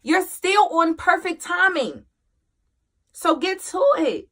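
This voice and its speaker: Forceful, emphatic woman giving a pep talk. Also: extremely high pitch, big pitch swings, slow pace. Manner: emphatic, repeats phrases, swings from loud urging to quiet confession. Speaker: host; single mother. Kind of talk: motivational talk to camera.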